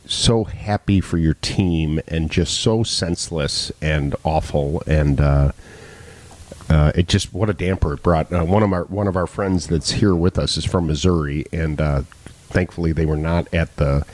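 A middle-aged man hosting a home-improvement call-in radio show, talking in a relaxed, folksy way. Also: very deep voice, measured pace. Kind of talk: casual call-in radio talk.

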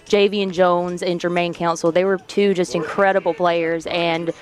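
A woman's voice: fairly low pitch, flat delivery, normal speed. A woman sports reporter, a little out of breath, talking enthusiastically as a guest on a live radio broadcast. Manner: enthusiastic, repeats "incredible".

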